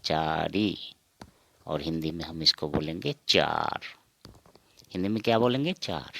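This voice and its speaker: Slow, gravelly low-voiced man teaching. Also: bright, forceful tone. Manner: repeats each word, asks and answers himself. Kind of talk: slow spoken counting lesson.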